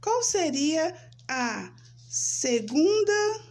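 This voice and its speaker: A Brazilian woman teaching young children, speaking slowly and sounding out syllables, checking in with "né?" and "certo?". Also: sits high, sing-song, darkish tone. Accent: Brazilian Portuguese. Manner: slow, spelling out syllables, frequent "né?" and "certo?". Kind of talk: children's lesson, slow and sing-song.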